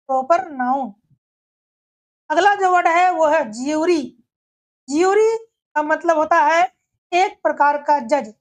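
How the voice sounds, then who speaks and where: A woman teaching an English grammar lesson, explaining each word step by step in a steady, methodical way and asking rhetorical questions. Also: high voice.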